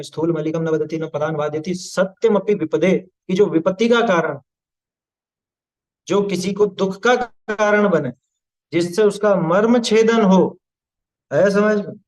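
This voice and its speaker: A man's voice: high-pitched, poor audio. A man teaching a scripture class, explaining patiently and checking understanding with rhetorical questions, now and then reciting Sanskrit verses. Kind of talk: scripture study discourse.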